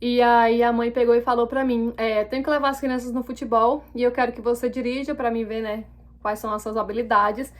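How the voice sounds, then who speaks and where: A young woman tells a personal story to her viewers, relaxed and chatty. Her voice sits high, and she livens the tale by acting out the quoted exchanges. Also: brisk. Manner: animated, acts out quoted dialogue. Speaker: vlogger. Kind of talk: casual storytelling.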